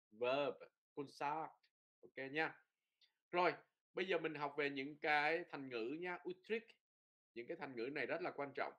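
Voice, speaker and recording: A man's voice: medium pitch, fairly bright tone, muffled recording. A man teaching a pronunciation lesson, explaining rules and repeating drill words with frequent tag words. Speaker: Norwegian language teacher.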